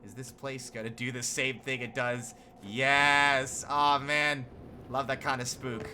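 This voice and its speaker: A man commentating his own gameplay, thinking aloud and bursting into excited exclamations. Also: mid-range voice, slow pace, slight background noise. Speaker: streamer playing a video game. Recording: game music behind.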